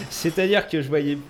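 A man's voice: a little high, fairly bright tone, a little hiss or hum. Rambling, pompous man in a mock debate. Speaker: debate panelist.

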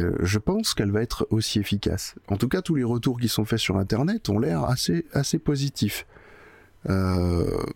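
Man with a cold-deepened voice. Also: a little mellow, no echo, studio quality. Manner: hesitant, lots of filler sounds and restarts. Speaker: podcast host presenting music. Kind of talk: casual solo radio-style chat.

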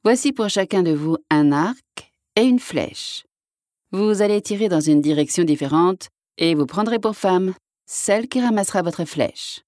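A grave old king from a children's tale gives orders in a measured way, as a woman reader voices him. The tone stays dark and dry. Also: lowish voice, lively intonation, no room sound. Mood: commanding. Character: old king, grave father of three sons.

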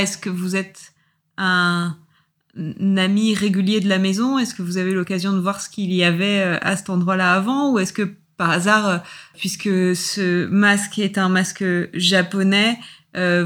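A woman's voice: medium pitch, fairly bright tone, lightly acted. A woman voicing a shy, curious party guest who speaks hesitantly, with many fillers.

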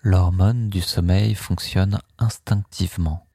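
A man with a very deep, mellow voice leads a guided sleep hypnosis. He speaks extremely slowly in a soothing, hushed way, with a breathy, husky edge, recorded close and dry. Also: steady tone, no echo. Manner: slow, soothing, hushed delivery.

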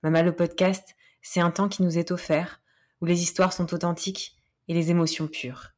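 A woman's voice: fairly low pitch, level tone, moderate pace. A woman, hosting a podcast interview, hesitant and laughing often. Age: 30s. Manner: hesitant, warm thanks with frequent laughs and fillers. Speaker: podcast host.

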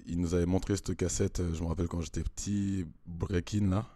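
A man's voice: low voice, little pitch movement, fairly quick, warm tone, no echo. A man in his thirties, a dancer and choreographer, chatting casually as an interview guest with easy laughs and hesitant fillers. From Congo, raised in Switzerland.

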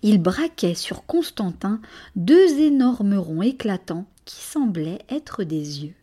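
A woman narrating a bedtime story expressively, with hushed, whispered passages. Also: mid-range voice, big pitch swings, takes it slowly.

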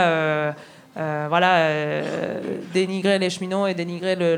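Earnest hesitant woman, low voice. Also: a little hiss or hum. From Argentina. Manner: many fillers and restarts, earnest. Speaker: railway worker. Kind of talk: hesitant spoken testimony.

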